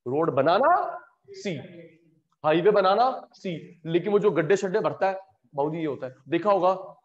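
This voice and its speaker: A man teaching an online economics class, drilling students with quick call-and-response questions and teasing or scolding them bluntly. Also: fairly high pitch. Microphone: earphone in one ear, online class. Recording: dull lo-fi online class audio.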